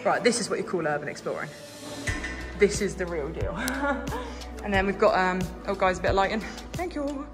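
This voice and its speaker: A woman vlogging as she explores, chatty and easily excited, out of breath from climbing and laughing often. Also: medium pitch, moderate pace, over music. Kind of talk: casual vlog narration while exploring.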